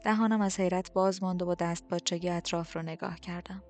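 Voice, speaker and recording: A woman narrating a novel in the first person, with a steady, even storytelling delivery. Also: fairly low pitch, soft background music. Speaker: audiobook narrator.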